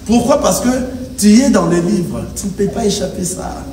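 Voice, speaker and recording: Preaching with rhythm and emphasis, a high-voiced pastor moves at a moderate pace as his congregation responds with amens. Crowd noise fills the echoey church hall, captured by a distant microphone with a faint noise floor.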